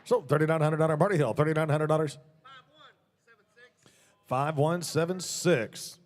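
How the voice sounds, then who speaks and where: A man working as an auctioneer, calling bids in a rapid, rhythmic, repetitive chant of numbers. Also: on the high side.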